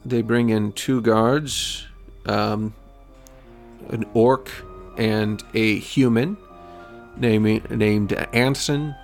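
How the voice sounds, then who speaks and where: A man's voice: on the low side, steady tone, very slow, gravelly, pauses often, soft background music. A man narrating as game master, giving plain, matter-of-fact rulings.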